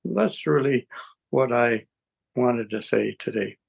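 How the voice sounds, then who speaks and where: Older man in his 70s, gravelly, halting interview talk, many restarts. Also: mid-range voice, lively intonation, rough recording. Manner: rambling, halting, with frequent restarts and chuckles. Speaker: interviewee giving a testimonial. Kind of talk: casual interview answers.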